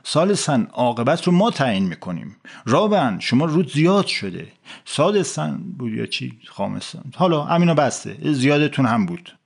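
A man's voice: mid-range voice, sing-song, gravelly. A man voicing a stern, pompous male morality officer who nags and lists charges in a comic story. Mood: scolding.

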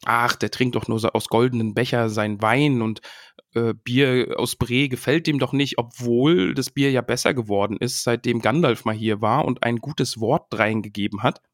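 A man's voice: medium pitch, fairly even intonation, moderate pace, no echo, studio quality. A man co-hosting a casual podcast about a book, cheerfully reading passages aloud with feeling. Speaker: podcast co-host.

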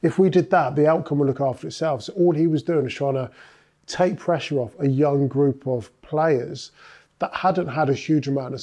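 A man's voice: a little high, mellow. A man, a former rugby player, recounting his career in a casual interview, thoughtful and full of filler sounds.

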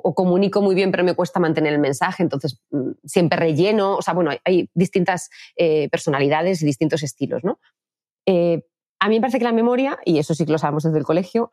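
Fast-talking woman coaching communication. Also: on the low side, a little mellow, no room sound, clean studio sound. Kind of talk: interview answers.

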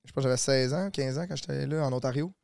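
A man's voice: mid-range voice, rapid-fire, creaky, darkish tone, smooth, no echo, studio quality. A Québécois man with a Québécois accent, explaining earnestly with many restarts in a casual podcast chat. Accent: Québécois French.

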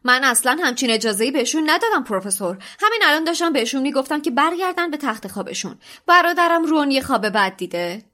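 A woman voicing a pompous, self-important teenage boy prefect in an audiobook reading, quick and defensive. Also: high voice, big pitch swings, pushed and bright, voice pushed up, exaggerated voice.

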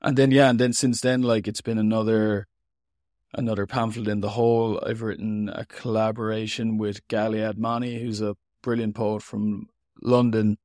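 A man's voice: fairly low pitch, flat delivery, normal speed, darkish tone, no echo, studio quality. A man with an Irish accent giving an interview as a writer, talking in an informal, rambling, reflective and self-deprecating way. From Ireland. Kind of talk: casual, reflective interview talk.

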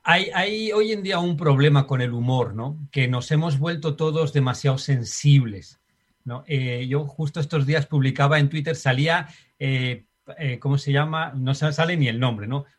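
Husky Spanish man musing in interview. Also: fairly high pitch, normal speed. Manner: reflective, uses filler tags like "¿no?". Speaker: guest. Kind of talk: conversational interview.

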